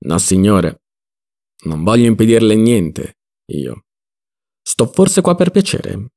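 A man reading an audiobook, voicing a sly, stubborn jar-mender who speaks calmly and with a touch of mockery. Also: fairly low pitch, exaggerated voice. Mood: placid. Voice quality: calm, unhurried, slightly mocking.

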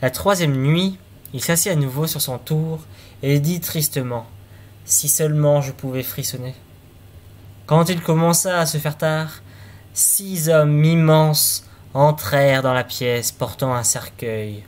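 A man's voice: a little high, unhurried, darkish tone. A man reading a fairy tale aloud, now and then stumbling and restarting words. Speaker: storyteller.

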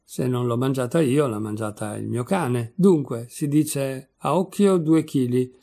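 A man's voice: mid-range voice, measured pace, vocal fry. A man doing an old pompous lawyer. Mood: smug lecturing. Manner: calm lecturing tone, calls others "my son". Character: old male lawyer, placid, pompous and stingy.

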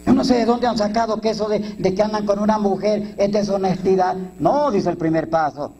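Male priest, Mexican accent, high-set dark voice, coarse, joking talk to a recovery group, faint hum. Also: steady tone, a little fast, poor audio. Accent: Mexican Spanish. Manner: blunt, coarse and joking, lots of slang and rhetorical questions. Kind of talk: informal talk to a twelve-step group.

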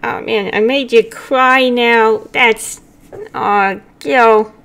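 Woman playing a soft-spoken pumpkin spirit. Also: a little high, steady tone, drawn-out words, slight background noise, heavily acted. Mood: gentle. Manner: soft, apologetic, reassuring. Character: gentle male pumpkin spirit patron, caring. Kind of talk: tabletop role-play.

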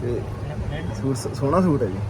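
A man's voice: mid-range voice, big pitch swings, moderate pace. A man with a Punjabi accent chatting casually as a vlog co-host, recorded on location. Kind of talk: casual chat. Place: on location in bazaar and shops. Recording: noisy street and market surroundings.

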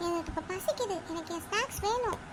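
A cartoon older sister with a very high voice, voiced by a performer, bossy and indignant, demanding her share. She talks in a sharp, demanding way. A clear hiss runs beneath the recording. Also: fairly quick. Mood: complaining.

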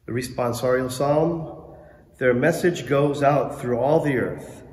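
A man's voice: mid-range voice, takes it slowly, a crowd in the background. Male lector in a large church echo. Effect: long echo of a large church. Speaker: lector at Mass. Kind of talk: liturgical reading and psalm. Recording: echoey church hall, faint ambience.

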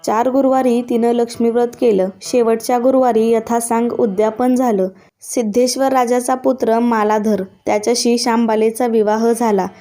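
A woman narrating a devotional tale in a steady, scripted storytelling voice. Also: a little high, moderate pace.

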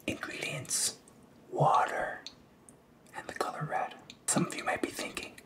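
A young man whispering, deadpan, as the host of a comedic ASMR parody. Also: a little slow. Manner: soft breathy whisper, deadpan. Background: plucked guitar music.

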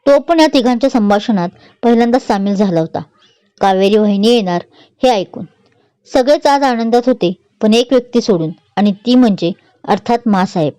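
A woman storyteller giving steady, expressive narration of a family serial story. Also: on the high side, moderate pace, smooth, no echo.

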